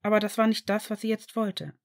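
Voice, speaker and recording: A woman narrating a story in an even, steady audiobook reading. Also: medium pitch, fairly quick. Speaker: fan fiction reader.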